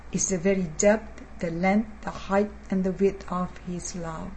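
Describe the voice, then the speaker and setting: A woman preacher teaching a sermon in a measured way, repeating key phrases for emphasis. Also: lowish voice, fairly even intonation, a little mellow, slight background noise, low-quality recording.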